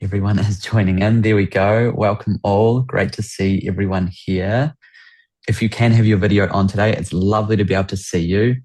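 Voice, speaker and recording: A New Zealand man with a lowish, darkish voice hosts a business workshop over a video call, speaking at a moderate pace with fairly even intonation. He's an upbeat webinar host, greeting people enthusiastically and repeating his welcomes and praise.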